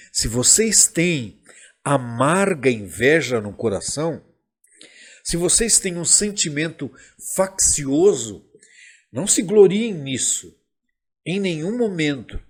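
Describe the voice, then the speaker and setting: A man with a Brazilian Portuguese accent preaching a sermon as pastor, slow and emphatic, with a husky voice. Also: on the high side.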